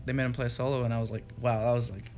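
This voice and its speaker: A rambling young adult from Texas, a guest musician, races through a casual interview chat with many fillers and restarts. His medium-pitched voice is level with a darkish tone, and faint music sits behind him in the radio studio.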